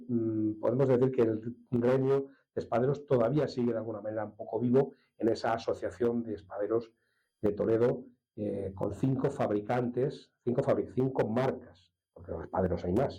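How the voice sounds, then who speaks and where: A man from La Mancha speaks as an interview guest, explaining his craft at an easy pace and pausing to restart his sentences. His voice is mellow and fairly low. The recording sounds dull and lo-fi. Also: vocal fry. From La Mancha, Spain. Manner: unhurried, explanatory, with hesitations and restarts. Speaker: master swordsmith guest. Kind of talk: conversational interview.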